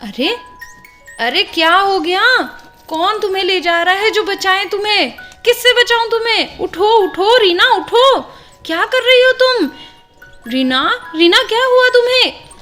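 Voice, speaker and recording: Casual: confused hubby woman doing him going what happened, slow, music faint. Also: very high-pitched, full character voice. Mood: bewildered. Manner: bewildered, calming. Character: puzzled husband waking his wife. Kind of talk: doll-play storytelling.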